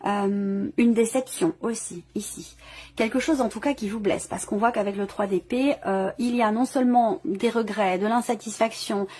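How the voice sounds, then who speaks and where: With a mid-range, slightly mellow voice and fairly even intonation, a woman hosts a video tarot reading at a normal speed. She improvises her intuitive commentary, sounding hesitant as she gropes for phrasing and keeps rewording.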